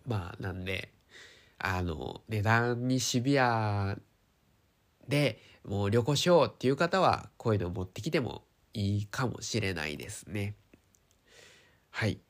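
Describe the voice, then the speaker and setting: A man's voice: lowish voice, expressive, measured pace. A man with a nasal voice, congested by hay fever, giving a casual solo explanation as a podcast host in a somewhat hesitant, informal way. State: stuffy nose from hay fever.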